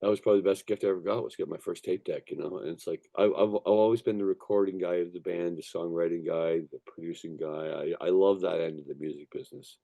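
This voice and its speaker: A man with a very low, gravelly voice tells stories about his craft as a musician in a loose interview. He rambles emphatically, swears freely and keeps checking that he is being followed. The tone is dark and mellow. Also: steady tone, fast, few pauses. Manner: sweary, emphatic, repeatedly checks listener with "you know" and "right". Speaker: musician, songwriter and record producer being interviewed. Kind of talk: casual rambling interview storytelling.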